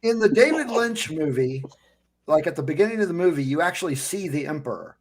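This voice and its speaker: Guy with a higher voice asking questions on a podcast, crowd noise in back. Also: very animated, a little fast. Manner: asks questions with fillers. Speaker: podcast panelist. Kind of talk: casual podcast chat.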